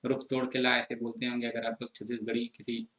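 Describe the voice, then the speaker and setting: A male exam-prep teacher from Chhattisgarh, walks through an answer key. He explains patiently, checking in with students again and again, in a voice of middling pitch. The room around him is echoey. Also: monotone, fast, fairly bright tone.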